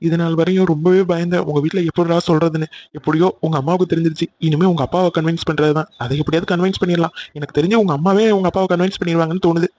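A voice actor puts on a polite young lover for an animated drama. The voice is pushed down in pitch and stays quick and earnest. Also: male voice, dull audio, slight background noise, close to an everyday voice. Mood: happy.

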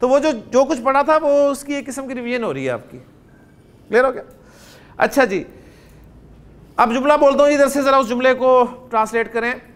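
Pakistani male teacher, very high voice, lecturing slowly and quizzing the class. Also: lively intonation, a bit bright, clear, resonant tone. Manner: quizzes students, drawn-out phrase by phrase. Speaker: Arabic grammar teacher.

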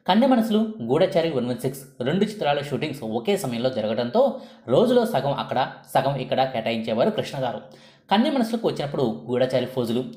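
A man giving scripted documentary narration in a lively storytelling delivery. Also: mid-range voice. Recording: echoey room.

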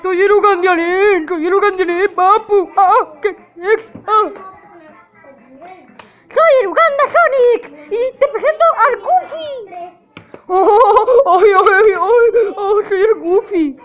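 A young man voicing a crazed little Uganda Knuckles creature in a shrill, wailing voice with a Mexican accent, on a dull lo-fi game recording. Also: slow, faint music behind. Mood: wailing manic.

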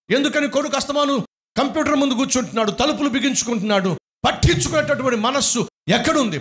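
High, animated Telugu pastor preaching. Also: male voice. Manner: rhetorical questioning, rising to shouts. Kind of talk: sermon and closing prayer.

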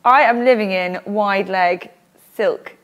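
A woman's voice: mid-range voice, slow pace. A woman, hosting a casual studio chat and laughing often. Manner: chatty, laughs often, gestures while talking. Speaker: host. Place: small studio with floral wallpaper.

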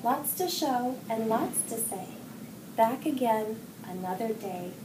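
Unhurried and animated, a middle-aged woman with a higher-pitched voice gives a sing-song picture book reading for young children. She is a children's story reader who also works as a hospital executive assistant. The setting is an indoor room with wall decorations, captured on a distant mic with roomy echo and clear background noise.

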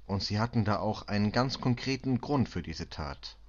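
A man playing a patient middle-aged police inspector, speaking calmly, clearly and reassuringly. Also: lowish voice, moderate pace, highs cut off.

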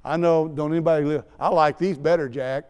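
Male preacher, high voice, chatty sermon w/ little jokes, long echo from the church room. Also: fairly even intonation, fairly quick, darkish tone, clear, resonant tone. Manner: conversational preaching with asides and teasing. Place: church sanctuary. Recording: long church hall reverb.

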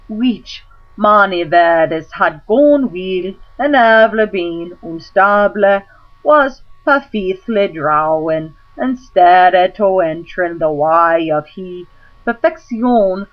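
A woman recites old devotional prose in Middle English pronunciation, with archaic vowels throughout. Her pitch sits in the middle of the female range and her pace is on the slow side. The recording is a little dull and lo-fi. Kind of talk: recitation of a medieval religious prose text.

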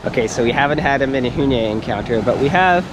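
A man's voice: medium pitch, lively intonation, quick pace. A man hosting a casual outdoor vlog by the sea, chatting and reacting with enthusiasm. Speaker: outdoor adventure host. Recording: outdoor wind and boat-like ambient noise.

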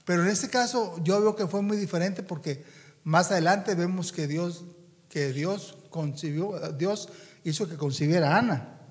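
A preacher gives a sermon in a high, carrying voice. He talks in a halting way, repeating words as he addresses his brothers in faith. His voice rings through a long church-hall echo.

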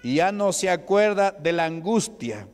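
Brief: male pastor, slow and resonant, quizzes his flock, long church reverb. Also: high voice, animated. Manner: asks the congregation rhetorical questions. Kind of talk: Pentecostal sermon. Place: church hall.

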